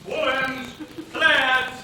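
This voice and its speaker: A man's voice: fairly high pitch, normal speed, close to an everyday voice. A man playing a hearty tavern keeper. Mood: jovial. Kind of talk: stage musical acting. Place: theater stage. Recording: echoey stage, far mic, hiss.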